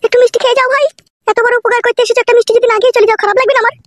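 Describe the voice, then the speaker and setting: Very high, rapid scolding woman. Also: fairly even intonation, no echo, clean studio sound. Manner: scolding, dramatic, quarrelsome. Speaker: actor in a comic family sketch. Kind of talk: comic sketch acting.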